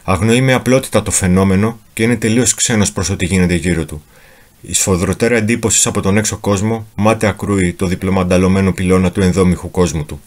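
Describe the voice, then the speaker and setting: A man with a somewhat low voice reads a memoir aloud in a dramatic literary reading. His delivery is solemn and theatrical, and he even voices the sounds of thunder himself. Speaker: reader of a memoir.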